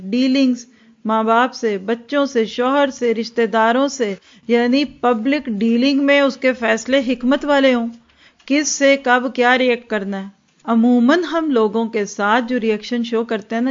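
Brief: female religious teacher, earnest lecture, slightly high voice, dull lo-fi sound. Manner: earnest, acts out mothers and children in quoted asides. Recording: dull lo-fi recording.

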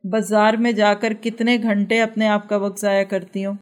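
Brief: woman religious teacher, earnest lecture, mid-pitched, rhetorical questions. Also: little pitch movement.

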